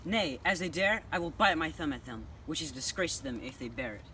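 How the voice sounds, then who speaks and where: A man's voice: fairly high pitch, animated, a little fast, sharp tone. A man playing a blustering sword-waving brawler with bold bravado in an amateur Shakespeare parody. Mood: defiant bravado. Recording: noisy, somewhat distant home recording.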